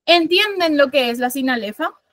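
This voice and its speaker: A woman's voice: high voice, expressive, normal speed, a bit bright, no echo. A woman from Paraguay teaching a literature class, explaining things step by step, counting syllables aloud and often correcting herself mid-sentence. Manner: frequent self-corrections and fillers. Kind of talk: online class lecture.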